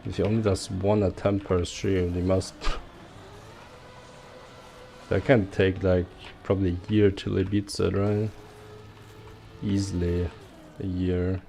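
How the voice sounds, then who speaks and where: Low-pitched, slow-talking man streaming games. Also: level tone, gravelly, dark tone, a little hiss or hum. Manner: informal, swearing, addressing viewers. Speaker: live streamer, gamer. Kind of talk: casual live-stream gaming chat.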